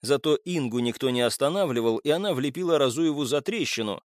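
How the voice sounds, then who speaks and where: A male audiobook narrator reading with a lively, swinging pitch. The sound is dry and close, with no room around it. His pitch sits in the middle range. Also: a little fast, no room sound. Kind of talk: scripted narration.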